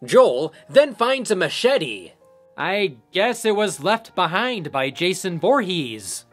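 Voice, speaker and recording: Reviewer, man, sarcastic recap narration, lively pitch, faint music. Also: slow. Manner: sarcastic, joking asides. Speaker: movie reviewer. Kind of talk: comedic film recap narration.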